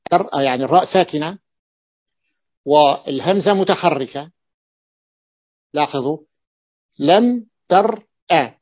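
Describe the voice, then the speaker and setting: A man teaching a lesson, patiently explaining a classical grammar text and repeating key points for his students. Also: a little high. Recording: dull lo-fi recording.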